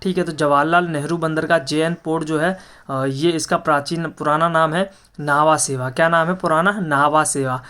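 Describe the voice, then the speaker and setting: A man's voice: on the high side, steady tone, normal speed, bright, forceful tone, clear, resonant tone. A man teaching an exam-prep geography lesson, who asks each question and answers it himself, repeating facts with frequent hesitations.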